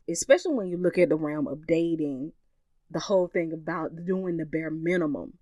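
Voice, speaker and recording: A woman's voice: fairly low pitch, dry recording. A woman hosting a solo podcast, talking earnestly and conversationally with emphatic points. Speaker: podcast host.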